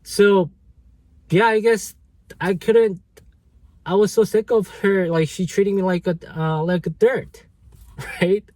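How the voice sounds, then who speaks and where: A man's voice: sits high, fairly even intonation, slow, pauses often, darkish tone, dry recording. A man casually telling a story from an old job to his viewers, full of fillers, restarts and "right?". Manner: rambling, many fillers and restarts. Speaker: vlogger.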